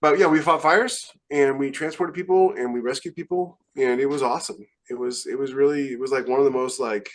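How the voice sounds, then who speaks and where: This podcast host, a man with military service behind him, talks at a medium pitch, briskly and with hardly any pauses. His casual, anecdote-filled conversation wanders, and he keeps repeating the starts of phrases.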